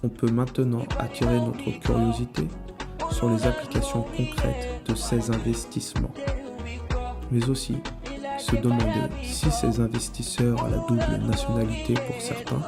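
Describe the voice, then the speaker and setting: Very low, gravelly woman narrating over music. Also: normal speed. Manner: even, scripted delivery. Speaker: report narrator.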